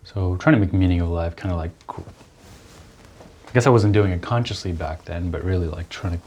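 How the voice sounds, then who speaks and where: A calm young man, originally from Nepal, reflecting thoughtfully as a guest in a podcast interview. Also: sits low, moderate pace, highs cut off, a little hiss or hum. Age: young adult. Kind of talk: casual interview.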